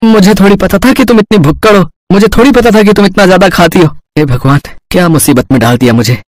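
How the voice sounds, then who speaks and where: An actor voicing a poor young husband in a cartoon story who runs a small roadside eatery, anxious and pleading. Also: male voice, high voice, fast talker, no room sound, close to an everyday voice. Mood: exasperated. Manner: pleading, worried.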